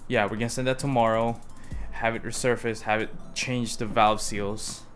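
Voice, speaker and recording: A man's voice: mid-range voice, steady tone, normal speed, a bit bright, soft background music. A young man hosting his own car project vlog, talking loosely to camera with frequent restarts. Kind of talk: casual vlog talk to camera.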